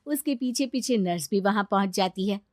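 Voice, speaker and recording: A woman narrator reads a scripted moral story at normal speed with a steady, even storytelling pace and a middle pitch. The recording is dry and close, without echo or room sound.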